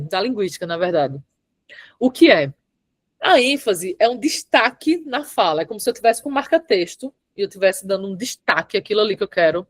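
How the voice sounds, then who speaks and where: A woman's voice: medium pitch, dry recording. Emphatic woman teaching public speaking. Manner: emphatic, drawn-out stressed syllables, frequent "tá?" and "certo?" checks. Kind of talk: online workshop lesson.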